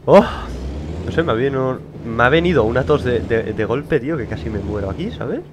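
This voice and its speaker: A man's voice: mid-range voice, expressive, brisk. A young man with a Spain Spanish accent, rambling and joking at himself in casual let's-play commentary from a home studio. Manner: rambling, chatty, self-mocking, laughs often. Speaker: gaming YouTuber. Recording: loud driving game engine noise behind.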